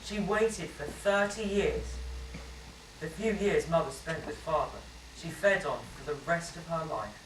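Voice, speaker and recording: An actress narrating as a grown man who recalls his boyhood, in a reflective, measured way. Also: sits low. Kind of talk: stage narration. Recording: distant echoey stage, loud hiss.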